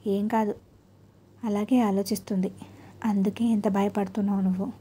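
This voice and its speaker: A woman voicing a patient young wife in a storybook who gently coaxes and pleads. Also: medium pitch, level tone, normal speed, husky, natural voice. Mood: pleading. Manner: gentle coaxing pleas.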